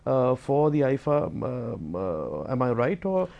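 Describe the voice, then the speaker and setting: A man's voice: medium pitch, sing-song, slow pace, gravelly, dull audio. A man asking interview questions in a hesitant, rambling way, often repeating words and restarting.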